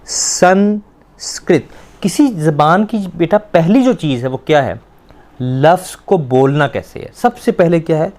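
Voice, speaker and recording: A man's voice: a little high, animated, darkish tone. Male Persian teacher, drilling children patiently with questions. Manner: patient, repeats words slowly to drill pronunciation; asks the pupils questions and praises answers.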